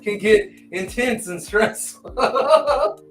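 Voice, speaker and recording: A man's voice: very high voice, lively intonation, slow pace, a bit bright. A man chatting on a casual livestream, laid-back and rambling as he tells stories. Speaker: co-host. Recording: distant echoey mic with faint music.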